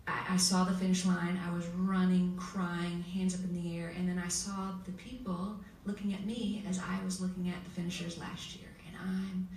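A woman with a fairly low voice tells a heartfelt story at a panel, pausing often and getting emotional. She is heard from far off in an echoey hall, with faint noise behind. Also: little pitch movement, a little mellow. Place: school hall with audience. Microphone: table mic heard from far camera.

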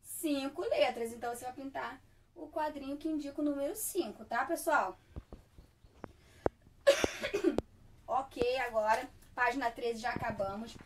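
A woman's voice: sits high, fairly bright tone, distant mic, slight background noise. A woman teaching a primary school class, reading workbook exercises aloud and stretching out words for young children. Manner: slow, drawn-out words for young children, checking "tá?".

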